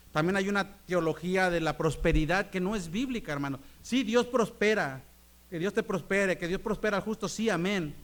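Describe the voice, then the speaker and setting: High-voiced preaching pastor, man. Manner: preaching with call-and-response questions to the congregation; rises to loud emphatic peaks, drops to soft asides. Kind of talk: sermon.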